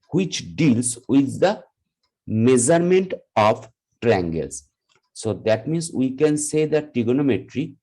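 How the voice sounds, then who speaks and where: A man teaching a live class, explaining slowly and deliberately, often repeating himself. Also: mid-range voice, darkish tone, rough recording. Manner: slow, deliberate explaining with repetition. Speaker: lecturer.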